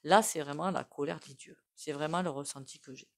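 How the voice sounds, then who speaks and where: A woman with a noticeable accent lays out tarot cards and talks them through casually. Her voice sits a bit low, and she wanders into fillers and side remarks. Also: brisk, creaky. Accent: non-standard French accent. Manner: chatty, many fillers and asides. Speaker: tarot reader. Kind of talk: casual spoken tarot reading.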